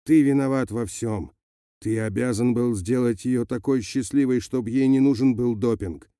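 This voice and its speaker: A man voicing an older, domineering man who is furious with grief and shouts hoarsely. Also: mid-range voice, normal speed, no echo, clean studio sound, voice pushed up, close to an everyday voice. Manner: shouting in rising fury.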